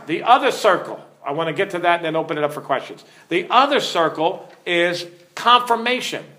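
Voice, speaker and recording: A man's voice: on the high side, sharp tone. A middle-aged man preaching as a pastor, teaching with stories and putting questions to his listeners in an earnest way. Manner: earnest, storytelling, asks the audience questions. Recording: echoey room.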